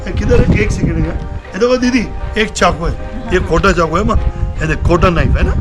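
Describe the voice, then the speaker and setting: A man's voice: sits high, a little fast. A man doing street magic patter outdoors, chatty and showy, coaxing and joking with the onlookers. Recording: loud background music over outdoor audio. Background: loud music.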